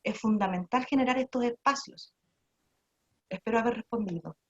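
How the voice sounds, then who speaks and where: A woman speaks in a fairly high voice, giving an online lecture on early childhood learning. She keeps asking rhetorical questions and restarting her sentences as she explains. The sound is dull and lo-fi, typical of a video call. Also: moderate pace.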